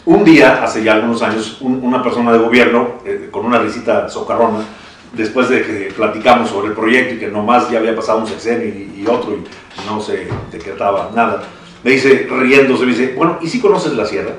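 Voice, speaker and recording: A man's voice: on the low side, fairly even intonation, brisk, a bit bright, a little hiss or hum. A man with a Mexican accent in a panel discussion, talking with many restarts and chuckles. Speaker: citizen council member. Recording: echoey room from far off.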